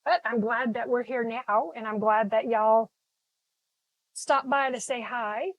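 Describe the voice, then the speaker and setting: A fairly high-pitched, slightly slow woman's voice belongs to a middle-aged art instructor from Texas who paints while chatting loosely with live-stream viewers and naming them as she greets them. It's recorded on her phone, with no room sound and the highs cut off.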